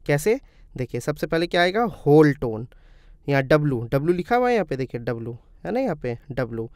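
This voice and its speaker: A man's voice: fairly high pitch, big pitch swings, fairly quick, darkish tone, clear, resonant tone, dry recording, studio quality. A man teaching music theory step by step in a casual tutorial, asking and answering his own questions and calling viewers brother. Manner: calls viewers "brother" in friendly chat. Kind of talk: casual screen-recorded tutorial.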